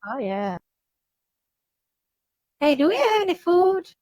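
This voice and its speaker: A woman's voice: very high-pitched, big pitch swings, slow, a little mellow, dry recording, clean studio sound. A woman playing a tabletop game, eagerly asking questions. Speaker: player. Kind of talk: casual game table chat.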